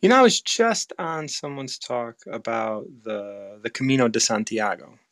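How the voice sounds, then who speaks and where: A man's voice: medium pitch, lively intonation, moderate pace, fairly bright tone, no echo. A man hosting a casual spiritual chat, talking in a rambling, reflective way with frequent restarts. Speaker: host.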